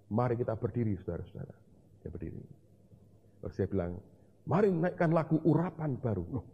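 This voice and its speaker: A man's voice: mid-range voice, gravelly, mellow, husky. A man preaching a sermon, telling a personal story and acting out the dialogue, with English words mixed in. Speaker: pastor. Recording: long hall reverb.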